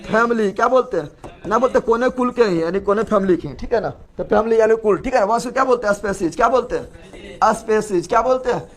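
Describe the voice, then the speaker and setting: A man teaches a class, his voice pitched well above most men's. He drills students by asking the same question again and again and answering it himself. Some lines come from farther off the mic and sound faint. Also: fast talker. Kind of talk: classroom lecture with call-and-response.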